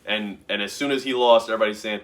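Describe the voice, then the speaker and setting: A man's voice: on the low side, steady tone, fast, a bit bright. A young man talking casually and profanely, rambling and laughing as he rants about fights. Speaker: MMA commentary YouTuber. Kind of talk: casual rant to camera.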